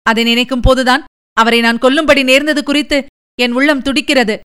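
A woman's voice: high-pitched, steady tone, a little fast, a bit bright, clear, resonant tone. A woman reading the part of a grief-stricken young noblewoman in an audiobook, pleading and tearful.

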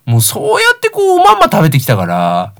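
Young man rambling, lively pitch. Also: quick pace, creaky. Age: young adult, about 19. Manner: rambling, self-deprecating comic storytelling. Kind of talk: solo comedic talk show monologue.

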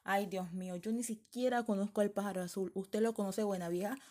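A woman's voice: medium pitch, fairly even intonation, fairly quick, mellow, close to an everyday voice. A woman voicing a poor, frightened young girl who pleads in tears, in a read-aloud folktale. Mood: tearful. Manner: pleading, tearful.

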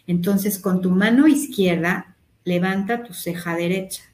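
A woman leading a voice workshop, calmly counting breaths and explaining exercises. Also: mid-range voice, unhurried, roomy sound. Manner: instructive, counting breaths aloud. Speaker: voice coach. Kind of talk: guided voice workshop.

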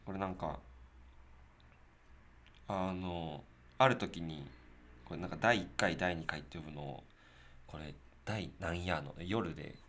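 Deep-voiced man, relaxed chat. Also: a little slow, pauses often. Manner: relaxed, reads posts aloud. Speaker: podcast co-host, band member. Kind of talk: casual chat.

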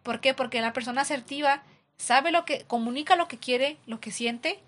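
A woman's voice: high-pitched, normal speed, a bit bright. Mexican woman explaining with acted examples. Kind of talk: casual podcast chat.

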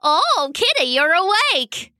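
A woman's voice: high voice, very animated, normal speed, bright, forceful tone, dry recording, studio quality, pitched above the performer's own voice, exaggerated voice. A woman voicing a kind, cheerful young girl who works in a palace, in a sweet, coaxing tone, in a storybook tale.

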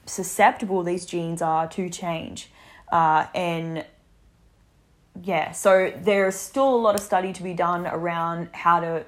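Twenties woman vlogging about health, bit low pitched, lots of ums and restarts. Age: 20s. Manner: chatty, many fillers and restarts. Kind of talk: casual talk to camera about health.

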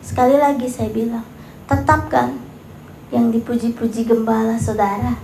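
High-voiced woman preaching in an echoey hall. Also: normal speed, creaky, a little hiss or hum. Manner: animated, rising to emphatic calls. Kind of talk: sermon. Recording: echoey room.

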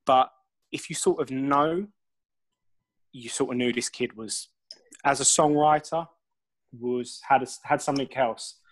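A man's voice: medium pitch, measured pace, pauses often, low-quality recording. A man, a musician guest telling rambling, laugh-filled stories and swearing freely. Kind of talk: casual storytelling interview.

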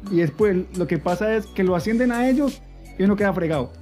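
High-voiced man telling a funny story. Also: expressive, quick pace, warm tone, soft background music. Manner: humorous storytelling with playful voices. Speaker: podcast co-host.

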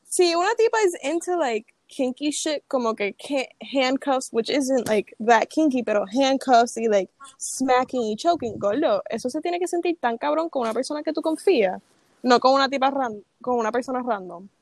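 A woman's voice: high voice, normal speed, darkish tone, dry recording. A young Puerto Rican woman co-hosting a podcast, chatting casually and with lots of slang in Spanglish, flipping between Spanish and English mid-sentence. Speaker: podcast co-host. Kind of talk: casual chat.

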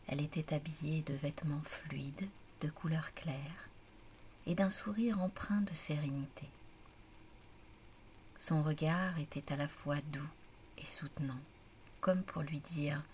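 A low-voiced woman reads a story in a hushed, whispered storytelling narration. Her delivery is slow and even, with a faint hiss in the background.

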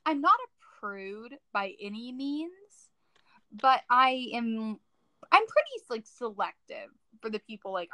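A teenage girl co-hosts a podcast, chatting casually and earnestly while sounding a little self-conscious. Her medium-pitched voice has a sharp tone, and the audio is poor with no room sound.

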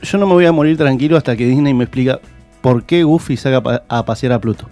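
A man's voice: medium pitch, fast talker, mellow, soft background music. A man with a Rioplatense accent, the show's operator, chatting in a radio studio with short dry quips. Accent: Rioplatense Spanish. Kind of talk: casual radio chat.

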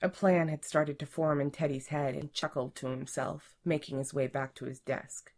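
A woman reads a story aloud as its narrator. Her voice sits low, and her telling is even and measured.

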